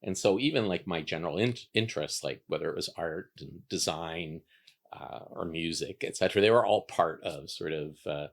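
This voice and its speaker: A low-voiced Canadian architect, whose first language was an Italian dialect, speaks reflectively as a guest in a relaxed interview. He talks at a moderate pace with many fillers and restarts.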